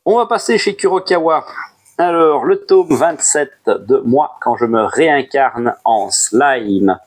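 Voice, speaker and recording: A man talking casually to camera as he reviews his monthly manga purchases, chatty and animated, with playful asides. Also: slow pace. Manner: chatty and animated, jumps up in pitch on new titles, playful asides. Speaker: manga collection YouTuber.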